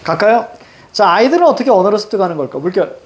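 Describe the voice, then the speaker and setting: A man's voice: sits high, racing. A middle-aged man teaching a reading lesson in a classroom, directing students step by step on what to underline and circle. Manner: animated, directive, drills students on reading steps. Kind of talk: classroom lecture. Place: classroom with blackboard.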